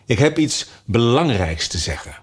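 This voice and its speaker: A man's voice: mid-range voice, very animated, moderate pace, breathy edge. A man voicing a listless, sleepy male caterpillar who answers curtly and sneers in a storybook reading.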